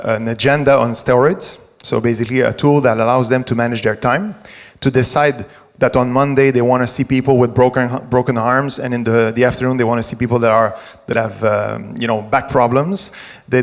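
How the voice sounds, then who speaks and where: Speaking to a conference crowd in a big, echoing hall, this middle-aged French Canadian tech executive keeps things conversational, often restarting and correcting himself. His voice is gravelly and sits at an ordinary middle pitch.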